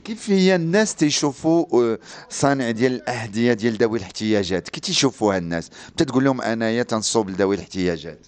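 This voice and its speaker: Very fast-talking Moroccan male interviewer. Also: mid-range voice, animated. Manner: rephrases questions, frequent backchannel murmurs. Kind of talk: casual conversational interviewing.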